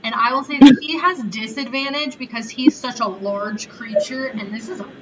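A woman's voice: a little high, moderate pace, a loud crowd, low-quality recording. A woman acting as game master, narrating the scene and voicing sound effects.

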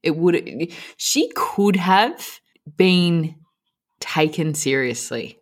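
Low-voiced blunt woman podcaster. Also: animated, extremely slow. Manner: blunt, swears casually. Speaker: podcast co-host. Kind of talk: casual chat.

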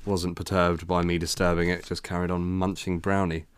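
A man's voice: low-pitched, level tone, normal speed, clear, resonant tone, no echo. A man co-hosting a podcast, chatting casually in a rambling, hesitant way with many restarts. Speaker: podcast co-host. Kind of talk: casual chat.

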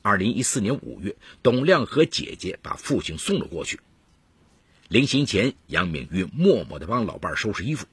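A man's voice: on the low side, big pitch swings, normal speed, breathy edge, dry recording. A man narrating a family story in scripted storytelling style, voicing the quoted family members along the way.

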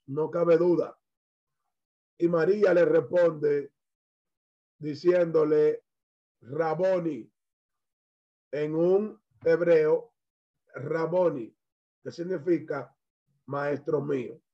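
Guy preaching slow, mellow kinda dark voice, dull lo-fi sound. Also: on the high side. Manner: slow, measured preaching with scripture quotes. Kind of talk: sermon, Bible exposition.

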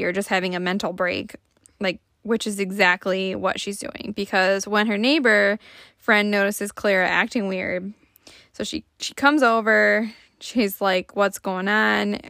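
Chatty Michigan woman with vocal fry. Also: mid-range voice, bright, forceful tone, no room sound, clean studio sound. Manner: chatty, lots of fillers and laughs. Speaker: podcast co-host. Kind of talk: casual storytelling chat.

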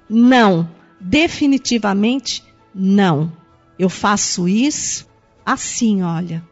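A woman's voice: a little high, lo-fi sound. A woman with a Brazilian accent giving a spiritist sermon to an audience, emphatic and full of rhetorical questions. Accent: Brazilian Portuguese. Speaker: spiritist lecturer.

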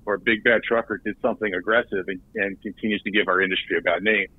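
A man's voice: lowish voice, fairly even intonation, quick pace, slightly rough, dry recording. A man, a guest on a podcast interview, talking in an earnest way and often repeating words as he restarts. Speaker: recruiting director guest. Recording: tinny phone line.

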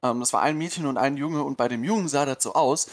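A man's voice: mid-range voice, quick pace. A man hosting a podcast, telling a story in casual chat with many hesitations and dry humor. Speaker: podcast host.

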